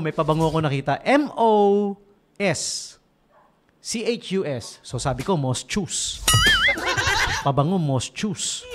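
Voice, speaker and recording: A man with a Filipino accent hosting a casual radio show, joking and chuckling at his own puns. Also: high-pitched. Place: radio studio.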